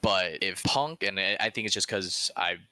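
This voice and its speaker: A man's voice: moderate pace, pushed and bright, clean tone, no echo. A man hosting a podcast, talking in a casual, rambling and emphatic way. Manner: emphatic, rambling, rises in pitch when heated. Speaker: podcast host.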